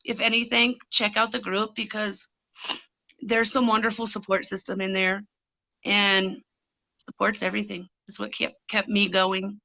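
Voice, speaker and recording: Woman, Wyoming American accent, bright tone, emphatic, encouraging, interview guest. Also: medium pitch, little pitch movement, measured pace, gravelly, poor audio. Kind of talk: livestream interview.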